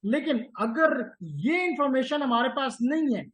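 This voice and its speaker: A male instructor leads a live class. He explains networking step by step and weaves English terms into his sentences. He repeats the key words and stops often to ask students whether it is clear. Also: very high voice, sing-song, unhurried, a bit bright, poor audio. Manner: mixes English technical terms into Urdu.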